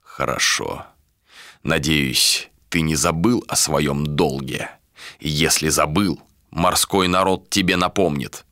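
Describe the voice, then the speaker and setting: A man doing a cold, contemptuous ruler for an audiobook, speaking low and slow and weighing every word. His tone is bright and edgy, and it sits in a dry, close recording. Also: steady tone, no room sound, heavily acted. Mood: cold, commanding. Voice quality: low and measured.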